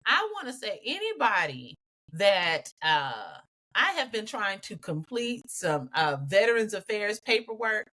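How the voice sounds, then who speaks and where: Podcast cohost lady, bright sharp voice, animated and fed up, ranting. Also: medium pitch, a little slow. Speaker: podcast co-host. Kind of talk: casual podcast chat.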